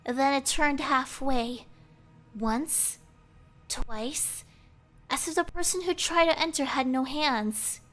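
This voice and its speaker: A high-pitched woman narrates a horror tale in a theatrical, suspenseful way. She takes her time over the lines, with music playing behind her. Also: takes it slowly, fairly bright tone. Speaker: let's player reading a visual novel aloud. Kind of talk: dramatic scripted narration of a horror story.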